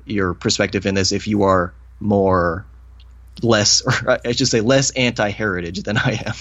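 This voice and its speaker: Male podcast co-host, lowish voice, thoughtful and hesitant, dry sound. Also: fairly even intonation, normal speed, fairly bright tone, dry recording, dull audio. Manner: thoughtful, hesitant, with fillers and restarts. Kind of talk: casual podcast chat.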